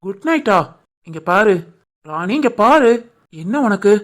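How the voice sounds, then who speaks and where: A woman voicing a stubborn but loving young village husband in an animated family story, with a Tirunelveli Tamil accent, talking in an insistent, scolding way. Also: medium pitch, measured pace. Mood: reproachful. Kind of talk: animated family drama voice acting.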